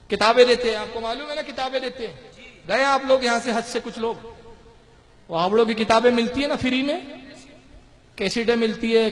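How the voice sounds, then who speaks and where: A man preaching a fiery sermon, impassioned and emphatic, mocking his opponents. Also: very high voice. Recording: echoey hall reverb.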